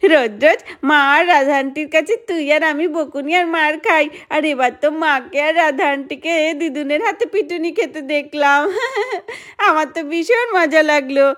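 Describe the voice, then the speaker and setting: A woman's voice: high-pitched, normal speed, fairly bright tone. A woman voicing a gleeful little boy who enjoyed seeing the grown-ups scolded.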